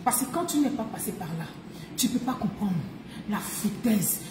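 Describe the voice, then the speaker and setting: A woman's voice: mid-range voice, expressive, moderate pace, noisy background. A woman streaming live, giving relationship advice emphatically, laughing often and repeating her key phrases. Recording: echoey room.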